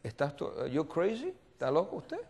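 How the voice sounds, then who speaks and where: A man's voice: fairly high pitch, wildly swooping pitch, moderate pace, darkish tone, breathy edge, full character voice. Man playing a brusque, incredulous husband. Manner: incredulous, curt.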